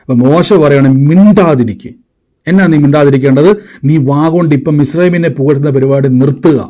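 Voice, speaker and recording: A man's voice: a little high, steady tone, fast, dark tone. A man from preaching a sermon, asking the congregation questions and waiting for their answers.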